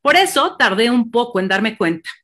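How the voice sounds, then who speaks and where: A woman's voice: on the high side, very animated, normal speed, a bit bright. Effusive Mexican woman host. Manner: effusive, rambling with fillers. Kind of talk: virtual book presentation interview.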